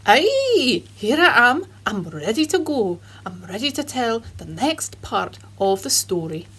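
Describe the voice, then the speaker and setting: A woman putting on a cheerful Scottish man who tells Bible stories to children. His voice is husky and sits fairly high, and his narration is earnest and dramatic. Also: big pitch swings, measured pace, fairly bright tone, full character voice, rough recording. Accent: Scottish (put on).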